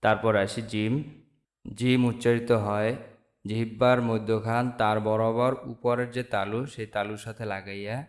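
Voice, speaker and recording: A man from Bangladesh teaching the Arabic letters in a slow lesson, saying each sound and repeating it for viewers. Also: lowish voice, flat delivery. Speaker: Quran teacher. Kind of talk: slow step-by-step alphabet lesson.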